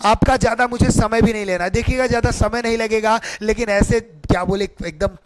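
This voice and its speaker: A man's voice: high-pitched, fairly even intonation, brisk. A man teaching English pronunciation in an online class. He talks in a sing-song way and keeps asking questions and answering them himself. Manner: sing-song, repeats questions back to students.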